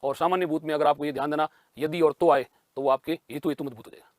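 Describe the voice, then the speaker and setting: A man's voice: a little high, fairly even intonation, fast talker, dry recording. Man teaching grammar, asking his own questions. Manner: explains by asking and answering his own questions, repeats key terms. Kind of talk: exam-prep grammar lesson.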